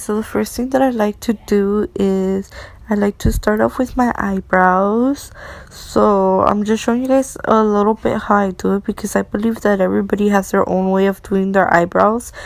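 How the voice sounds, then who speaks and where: Young girl doing a chill makeup tutorial, lots of vocal fry, dry close sound, talks like her mouth won't fully close from braces. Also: mid-range voice, no echo. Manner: speaking with mouth slightly propped open by braces. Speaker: beauty vlogger. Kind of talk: casual makeup tutorial narration.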